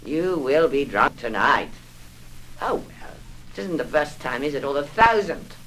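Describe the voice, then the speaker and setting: A woman's voice: deep voice, lively intonation, measured pace, a bit bright, a little hiss or hum, rough recording. An actress in 1960s film acting playing a nervous, fragile middle-aged mother who talks anxiously and defensively, rambling on.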